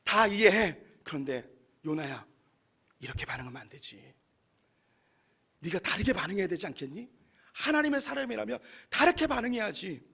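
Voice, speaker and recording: Quiet and soothing, this is a patient, fatherly deity who reasons kindly with a stubborn follower, as a preacher voices him. The tone is soft and a little lower than a preacher's usual, yet it stays bright. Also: sing-song, moderate pace, gravelly, pauses often, husky, exaggerated voice. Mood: gentle reassurance. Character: gentle, patient fatherly male God.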